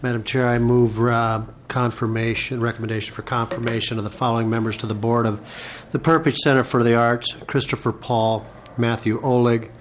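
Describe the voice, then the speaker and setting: A male senator moves a motion in brisk, procedural tones. His delivery stays flat and even, with a faint hiss of room noise around it. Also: medium pitch. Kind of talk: formal motion.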